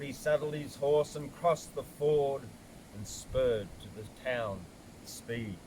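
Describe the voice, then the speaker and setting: A poetry reader delivers a bush ballad at a cave site outside, measured and theatrical, leaning hard on his phrasing. Clicks, a rumble like a vehicle and heavy noise run through the recording.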